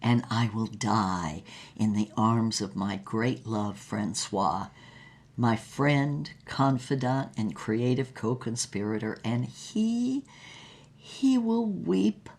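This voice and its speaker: Mynx Devlin, the grandiose female film star of this audio fiction monologue, reminisces in a slow, low, darkish voice that's animated and heavily acted. Her delivery is languid and theatrical with drawn-out words, and her mood is fervent.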